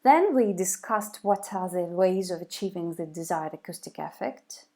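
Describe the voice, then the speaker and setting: A woman's voice: on the low side, lively intonation, moderate pace, warm tone. A woman giving a recorded video lecture, hesitant, with many fillers and restarts.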